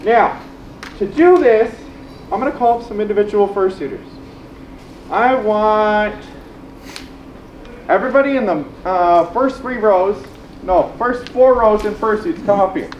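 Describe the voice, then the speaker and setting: A convention panel host talks to a live room in a playful, teasing way, calling people up on stage. The voice sits in the middle of the pitch range. It echoes around a large room over a faint hiss. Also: animated, unhurried, pauses often, dull audio.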